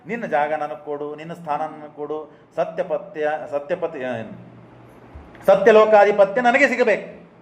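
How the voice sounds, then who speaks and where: A man's voice: on the high side, darkish tone, roomy sound. A man giving a religious discourse. He tells stories and asks and answers his own rhetorical questions. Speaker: preacher giving a scripture discourse.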